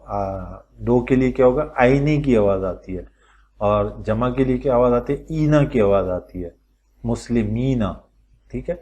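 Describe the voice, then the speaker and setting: A man teaching a Quran lesson, explaining step by step and posing questions to his students before answering them. He slows down and stretches out the words when he lists examples. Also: lowish voice, mellow. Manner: patient, explains step by step and asks questions aloud to the class; draws out word forms slowly when listing examples. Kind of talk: recorded teaching lecture.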